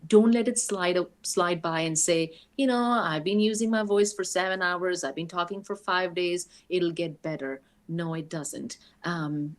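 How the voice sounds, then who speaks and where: A woman giving a practical online lecture on voice care, demonstrating exercises and talking with frequent ums. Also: lowish voice. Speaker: guest speaker on voice care. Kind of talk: webinar lecture.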